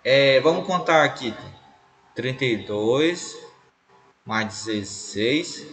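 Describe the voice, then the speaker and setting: A man's voice: medium pitch, expressive, slow pace, fairly bright tone. A male language teacher going over quiz answers, explaining each word step by step and repeating terms aloud. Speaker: Spanish teacher.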